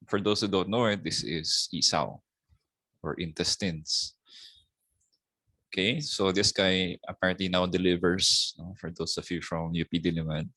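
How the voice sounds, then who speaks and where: A middle-aged man with a Filipino accent giving a slow anatomy lecture, often ending points with a questioning "no?". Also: low voice, sharp tone, no room sound. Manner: slow, repetitive teaching with tag "no?". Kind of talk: recorded lecture.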